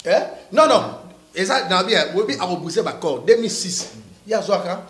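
Fiery high-voiced man. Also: lively intonation, normal speed, echoey room. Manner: fiery, repeats words for emphasis, bursts into shouting. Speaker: interviewee giving political opinions. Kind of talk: impassioned street interview.

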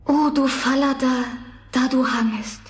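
A woman's voice: high voice, lively intonation, moderate pace. A woman voicing a young princess forced to work as a goose girl in a fairy-tale radio play, speaking in a plaintive, pleading way.

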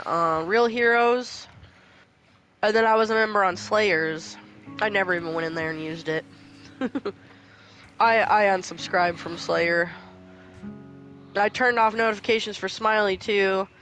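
A woman streams a game and talks nonstop with a friend, cursing freely as she rants. Her voice is bright and sharp at an ordinary pitch, with faint game music underneath. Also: measured pace, long pauses, poor audio. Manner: chatty, swears freely, ranting complaints. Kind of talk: casual chat while gaming.

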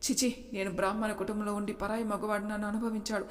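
A woman's voice: medium pitch, flat delivery, fast, close to an everyday voice. A woman reading as a desperate wronged young wife. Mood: distressed. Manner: pleading, tearful. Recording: long reverb.

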